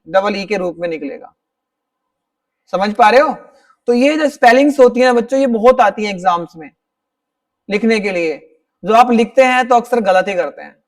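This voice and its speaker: A man's voice: sits high, recorded from a distance. A male teacher giving a spelling lesson, explaining step by step and often checking that his students follow. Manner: explains slowly, often checks understanding with tag questions. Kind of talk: classroom-style spelling lesson.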